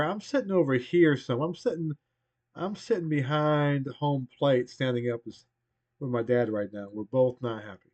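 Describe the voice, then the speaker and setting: Hoarse from a cold that won't quit, this man in his forties hosts a casual call of a replayed baseball game. His mid-range voice is a little mellow, his rambling often drifts off mid-thought, and the muffled home recording gives it a slightly dull quality.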